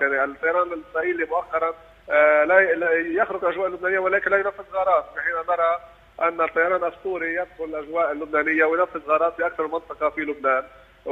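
Fast male correspondent on tinny phone line. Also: a little high. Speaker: news correspondent. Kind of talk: live news commentary by phone. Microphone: telephone.

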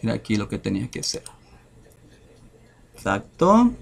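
A man teaching English vocabulary over a screen share, talking in a slow, hesitant way with many fillers. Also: on the low side, huge pitch swings, gravelly, slight background noise.

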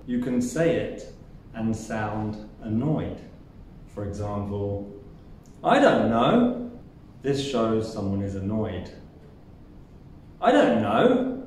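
A man's voice: fairly low pitch, dark tone, a little hiss or hum. A man with a New Zealand accent teaching English phrases, acting out each example with exaggerated intonation. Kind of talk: scripted language lesson. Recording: echoey room, mic at a distance.

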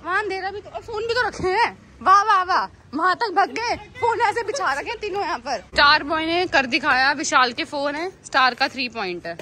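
A young woman vlogging while playing badminton with friends on a street at night, lively and quick to argue back. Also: very high voice, a little hiss or hum. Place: outdoors on a residential street at night.

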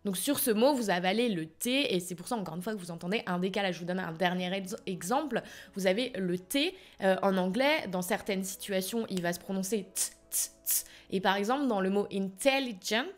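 A French woman who founded a language school, teaching in an energetic, upbeat way and speaking directly to her viewers. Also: mid-range voice, a little fast. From France. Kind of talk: teaching video, direct to camera.

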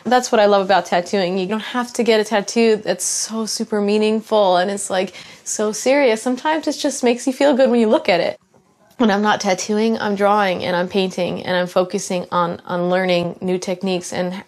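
A woman's voice: mid-range voice, fairly even intonation, normal speed. A young adult woman, a tattoo artist, talking casually and earnestly in a documentary interview, often restarting her sentences.

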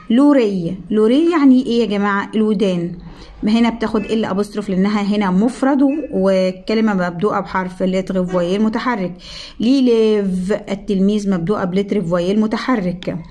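A woman with an Egyptian Arabic accent giving a French review lesson, drawing out the French words slowly and repeating them. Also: medium pitch, a little mellow. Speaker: French teacher.

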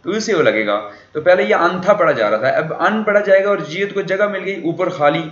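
His voice is high and animated, at a normal speed, as he lectures a language class. He explains words and keeps quizzing the students with questions, captured in a dull, roomy classroom recording.

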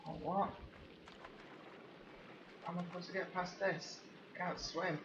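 A man's voice: high voice, little pitch movement, measured pace. A man commentating his game play, jumpy and swearing, exclaiming at every scare. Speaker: let's play gamer. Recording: echoey, slightly dull, faint noise.

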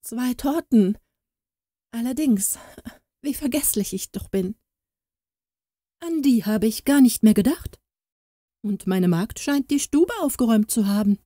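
A woman's voice: on the high side, expressive, a little slow, warm tone, no room sound, studio quality, pitched above the performer's own voice. A woman voicing a hypocritical housewife who gushes with sugary, overdone politeness in a storybook. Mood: flustered. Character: scheming hypocritical housewife, gushing and false.

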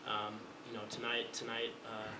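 A man's voice: medium pitch, completely flat delivery, normal speed. A young man, a college quarterback, answering press questions after a game, often restarting and repeating words, speaking into a table mic in a press room. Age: young adult. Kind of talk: postgame press conference answers. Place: press conference room, indoors. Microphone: table mic in front of him. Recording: echoey room, distant mic, background noise.

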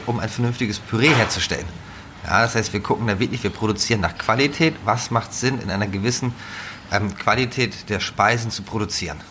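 Man, chef, lowish voice, rambling with fillers, faint hiss in the background. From northern Germany. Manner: relaxed, rambling with many fillers and restarts. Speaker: head chef and restaurant founder. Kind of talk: casual interview talk.

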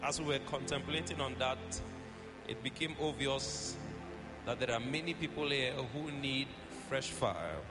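A man's voice: mid-range voice, a little slow. Man preaching into a pulpit microphone. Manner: urgent, exhorting congregation. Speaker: pastor. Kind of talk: sermon with worship leading. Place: church. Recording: loud music under the voice. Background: loud worship music.

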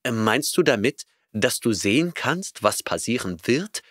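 A baffled young man stammers out hesitant questions, voiced by an audiobook reader. The voice is a low baritone lifted a little and lively in pitch. It is slow and sounds dry and close. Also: dry recording.

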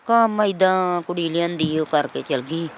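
An older woman from a flooded village, answering quietly and plaintively in an outdoor interview. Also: on the low side, moderate pace, a little hiss or hum.

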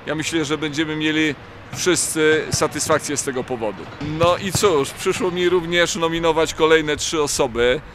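A man in his fifties speaking to camera in a measured, slightly hesitant way, as a coach would, in an open stadium. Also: on the high side, fairly bright tone, faint music behind. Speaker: football coach. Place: outdoors in an open football stadium. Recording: noisy outdoor recording, stadium ambience.

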